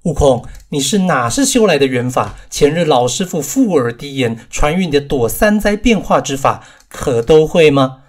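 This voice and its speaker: A man doing a band of excitable disciples. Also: fairly high pitch, moderate pace, hardly any pauses. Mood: curious. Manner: cheering, teasing. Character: crowd of excitable male disciples.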